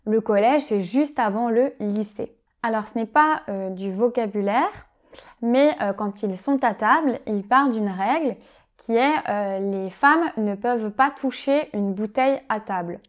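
Patient, fairly high-voiced French teacher. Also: female voice. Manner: clear and patient, with frequent "euh" pauses. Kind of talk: vocabulary lesson explaining phrases.

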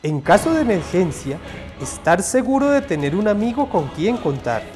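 A man voicing a wise, sly old grandfather toad in a storybook, speaking slowly and calmly. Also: sits high, music in the background. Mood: relieved.

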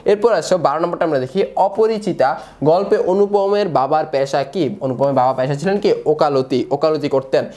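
A young male tutor talks through exam questions in a fairly high voice. He keeps asking "what?" and then repeats each answer slowly, checking that everyone follows. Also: a little mellow. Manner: repeats answers, asks rhetorical questions, calls students brother. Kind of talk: online class lesson.

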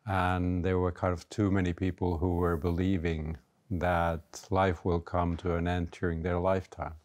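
A Finnish man in his fifties, an education leader appearing as a panel guest, speaks hesitantly with a Finnish accent, using many fillers and restarts. His voice sits low with little pitch movement, a moderate pace, and a slightly mellow quality. The panel takes place in an indoor library room with bookshelves.

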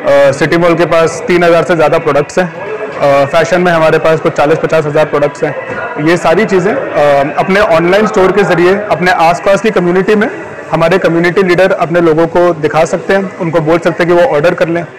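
A man's voice: on the high side, steady tone, fairly quick, low-quality recording. A young man giving an on-camera interview at an indoor event, explaining his company with many hesitant ums and English business words. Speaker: company representative. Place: indoor event hall in front of banner backdrop.

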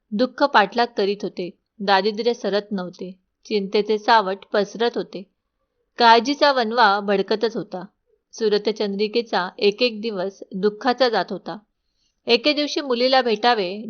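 Woman storyteller, steady devotional recitation, middle pitch, dull lo-fi recording. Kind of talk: reading a devotional folk tale.

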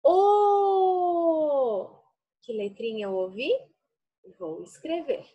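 Woman, Brazilian accent, teacher, high-pitched, very slow, affectionate, sounds out syllables. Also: big pitch swings, slightly rough, dull audio. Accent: Brazilian Portuguese. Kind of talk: early-literacy lesson for young children.

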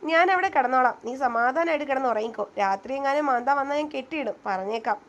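A woman's voice: high-pitched, quick pace, dull audio, close to an everyday voice. Woman reading as a teasing young husband. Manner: bantering, mock-stern.

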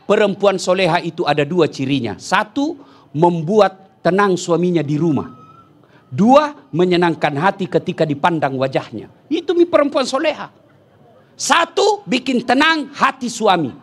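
A man with a Makassar Indonesian accent delivering a humorous sermon to a crowd. His voice sits high and leaps about in pitch, and he often shouts, then drops low to act out the people in his stories. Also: moderate pace, slightly rough. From South Sulawesi, Indonesia. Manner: animated, often shouting, acts out quoted voices. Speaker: preacher.

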